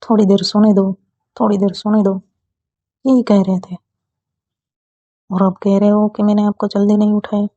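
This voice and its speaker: A woman doing a sweet young girlfriend, scolds softly, slow husky voice. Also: mid-range voice, little pitch movement, no room sound, lo-fi sound. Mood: annoyed. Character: young woman, caring and teasing partner.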